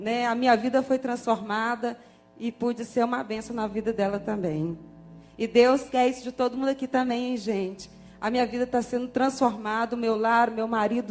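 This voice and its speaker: A woman giving an earnest, heartfelt church testimony, halting at times. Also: fairly high pitch, darkish tone. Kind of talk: personal testimony.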